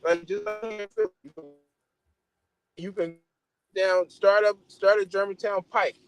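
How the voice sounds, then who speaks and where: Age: adult. Sex: man. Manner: rambling, repeats himself. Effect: call audio breaking up, voice cutting in and out. Pitch: fairly high. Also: animated, takes it slowly, creaky, clean tone, dry recording, faint music behind, low-quality recording. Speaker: caller on a live call. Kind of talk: casual heated debate. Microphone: phone or online call.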